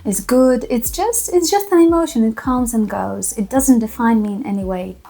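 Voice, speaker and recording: Speaking earnestly to camera with thoughtful, halting pauses, a Polish-accented woman from a small Polish town shares a reflective personal testimonial for her vlog. Her fairly high voice is creaky and dark in tone.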